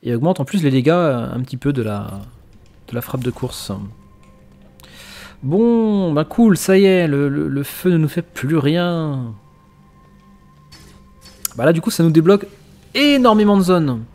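Excitable French gamer man. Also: fairly high pitch, a little slow, pauses often. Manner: excitable reactions, occasional swearing. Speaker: let's play gamer. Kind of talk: casual gameplay commentary. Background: faint video game music.

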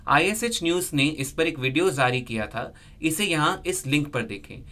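A man reading a scripted news report as a voice-over, in a steady, measured way. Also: fairly high pitch.

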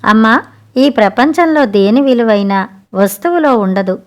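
A woman reading a storybook, voicing a kind, honest male trader who speaks gently. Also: a little high, expressive, a little slow. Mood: gentle. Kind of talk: storybook narration.

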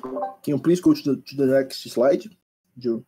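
A man in his thirties presenting a technical demo over a video call, talking haltingly and asking others to switch slides and screens. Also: medium pitch, mellow, slightly rough, poor audio. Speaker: presenter at an online developer meetup. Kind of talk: live technical demo talk.

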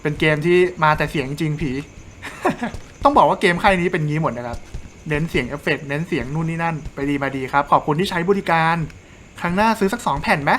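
A man's voice: on the high side, lively intonation, normal speed, fairly bright tone, a little hiss or hum. A man giving casual let's play commentary, chatting and joking while reading game dialogue aloud. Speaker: gamer.

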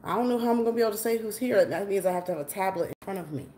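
A woman in her forties hosts a casual live cooking stream from a large home kitchen, greeting viewers by name and chatting as she cooks. Her medium-pitched, dark-toned voice is expressive and racing, and she moves around a tripod-mounted camera, often away from it. The kitchen is echoey with faint room noise.

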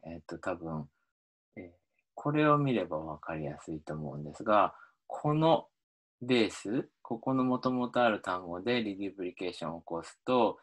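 Deep-voiced man explaining with many fillers. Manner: hesitant, many fillers and restarts; animated, pitch swinging up and down. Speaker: linguistics lecturer. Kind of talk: explaining phonology over slides.

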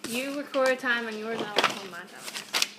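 A woman's voice: on the high side, moderate pace. A young woman chatting casually and playfully as a vlogger co-hosting a video in a home kitchen. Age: young adult. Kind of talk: casual chat. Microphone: device camera mic at about arm's length. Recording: faint noise, home camera mic.

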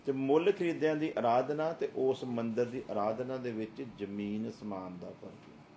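A man's voice: medium pitch, normal speed, warm tone, muffled recording, a little hiss or hum. Emphatic male pastor preaching a sermon. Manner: rhetorical questions, emphatic preaching.

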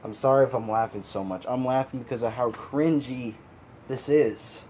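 Man, frustrated ranting commentary, mid-pitched voice, faint background hiss. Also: moderate pace, a little mellow. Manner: frustrated, exasperated ranting with sighs and laughs. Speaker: video commentator.

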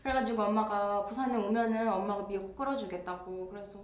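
A woman's voice: mid-range voice, fairly even intonation, fast. A young woman chatting casually with fans on a live birthday stream, bubbly and chatty. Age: young adult. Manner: bubbly, chatty, acts out quoted voices. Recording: roomy echo.

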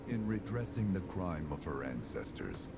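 An actor playing an ancient, grieving male spirit who speaks slowly and formally, with a deep gravelly voice. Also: big pitch swings, heavy background noise, exaggerated voice. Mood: solemn. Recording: game audio over loud score.

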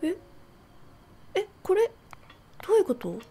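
A woman streamer giving live game commentary and reacting excitedly with constant exclamations. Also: very high-pitched, a little slow.

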